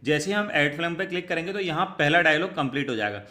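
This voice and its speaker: A man's voice: fairly high pitch, lively intonation, fast talker, pushed and bright. A man giving a step-by-step screen tutorial, talking his viewers through each click and calling them friends. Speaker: tutorial host.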